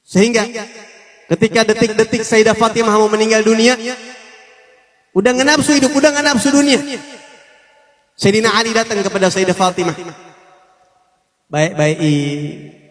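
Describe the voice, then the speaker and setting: A man's voice: high voice, steady tone, moderate pace, pauses often. A man preaching a sermon, telling a story in colloquial speech and acting out the quoted dialogue. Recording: long hall reverb.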